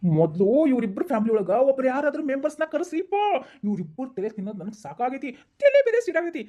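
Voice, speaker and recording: A woman's voice: high-pitched, very animated, fast talker, dark tone. A woman playing a fed-up male police officer who groans in exasperation, with a North Karnataka Kannada accent. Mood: exasperated.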